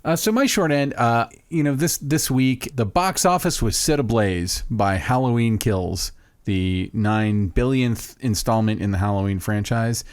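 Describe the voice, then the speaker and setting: A man with a mid-range, clean-toned voice co-hosts a podcast, speaking at a measured pace in studio quality with no room sound. In casual chat, he rambles enthusiastically about a film he loves, interrupting himself along the way.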